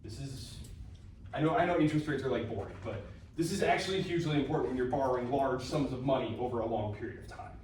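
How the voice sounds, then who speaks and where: A man's voice: mid-range voice, fast talker, darkish tone, a little hiss or hum. Chatty male lecturer in a very echoey room. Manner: chatty, informal, with many fillers and asides. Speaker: history instructor. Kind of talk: casual classroom lecture. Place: classroom. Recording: very echoey room recorded from a distance.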